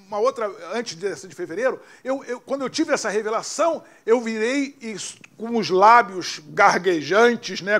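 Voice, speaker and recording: A man with a Brazilian Portuguese accent, a pastor telling his own story in a sermon, dropping to hushed tones for quoted voices. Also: high voice. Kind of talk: sermon testimony.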